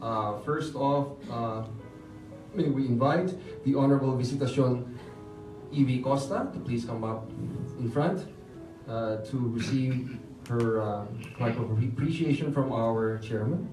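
At a lectern in a hotel function room, a young man with a medium-pitched voice serves as master of ceremonies at a formal award ceremony. He politely calls people up, pausing hesitantly many times. Picked up by a lectern microphone from far off, the audio has a roomy, distant hall sound with background music.

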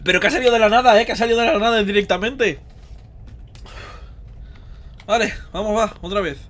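A young Spanish man with a Spanish accent live-streams a horror game, frequently panicking and screaming as he repeats words rapidly. His voice is high-pitched and fairly bright, with slight background noise.

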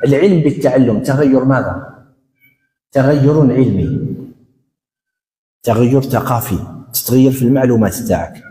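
A man with an Algerian accent giving a religious lecture as an educational counselor, animated and acting out little dialogues as he goes. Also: medium pitch, moderate pace, pauses often. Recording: roomy hall reverb.

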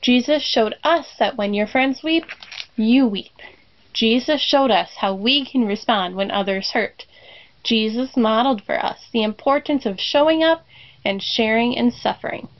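A middle-aged woman gives a church reflection aimed at children. She speaks deliberately and keeps coming back to a short refrain. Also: on the high side. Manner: slow, deliberate repetition of a refrain. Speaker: congregation member giving a reflection. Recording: dull lo-fi sound.

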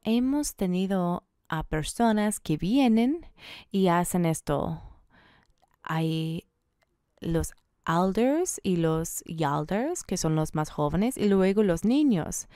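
A woman in her sixties from Colorado speaks on a public panel into a handheld microphone in a conference room, blunt and emphatic, with rising rhetorical questions. Her voice is lowish, dark, clear and resonant. The recording has studio quality with no room sound.

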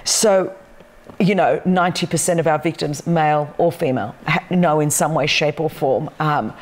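A woman's voice: deep voice, normal speed. A woman in her fifties, a guest on a talk show, telling her story with passion and emphasis. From Australia. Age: 50s. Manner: passionate, emphatic, gestures constantly with both hands. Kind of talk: animated testimony on a talk show. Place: large wood-beamed studio loft set.

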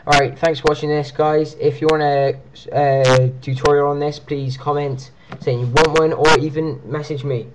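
A man's voice: a little high, flat delivery, normal speed, hardly any pauses. A young man giving casual card magician patter, demonstrating step by step and counting aloud. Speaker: amateur card magician presenting a trick. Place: indoors at a table, hands on camera. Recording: noisy home recording with clicks.

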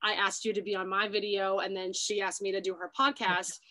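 A woman's voice: mid-range voice, level tone, fairly quick, pushed and bright. A young woman hosting a casual chat, talking loosely with lots of filler words. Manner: chatty, many "like" fillers. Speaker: YouTube host. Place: New York City.

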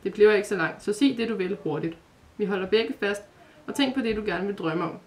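Shy young dream spirit boy, read by a woman, hesitant, apologetic, storybook voice, mid pitch. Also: a little hiss or hum, lightly acted. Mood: earnest.

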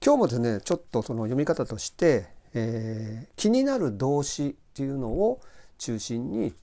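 A middle-aged man giving a relaxed Bible commentary, rambling in a friendly way with plenty of fillers. His voice is mellow and dark, and his pitch rises and falls with a lot of life. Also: moderate pace. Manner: chatty and loose, with many fillers and asides. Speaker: host of a Bible talk channel.

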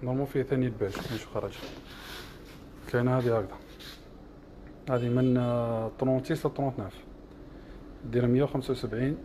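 Fast-talking Algerian shoe seller. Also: male voice, mid-range voice, steady tone, background noise. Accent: Algerian Arabic. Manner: rattles off prices and colors in a list. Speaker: shop seller. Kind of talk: product showcase livestream. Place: shoe shop.

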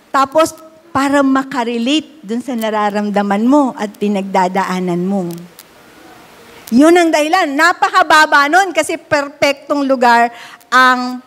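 High-voiced woman preaching in a hall. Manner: animated, conversational, mixes in English phrases. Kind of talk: sermon.

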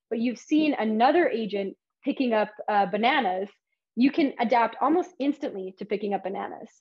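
A woman's voice: fairly high pitch, highs cut off. A woman giving an academic lecture, explaining her research in an enthusiastic, conversational way.

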